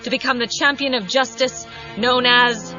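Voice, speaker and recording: A woman's voice: on the high side, fairly even intonation, moderate pace, pushed and bright. A woman playing a noble, wistful Amazon superheroine in an audio drama, formal and reflective. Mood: wistful, proud. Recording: dull cassette sound, music behind.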